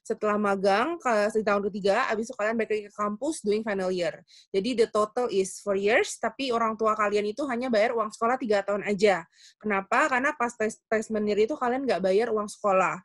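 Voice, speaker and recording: A woman's voice: medium pitch, a little fast, no echo. A woman who moderates the webinar, reading out questions and explaining fees step by step. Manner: matter-of-fact, explains step by step. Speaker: webinar moderator and recruitment staff.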